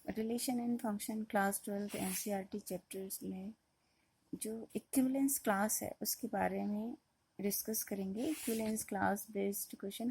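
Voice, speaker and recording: Woman, maths lecture, asks and answers her own questions, dark mellow tone, dry room. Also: mid-range voice, husky, no echo, poor audio. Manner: explains step by step, asks the class questions and answers them herself; mixes in English terms, with fillers and restarts. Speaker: maths teacher. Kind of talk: classroom lecture.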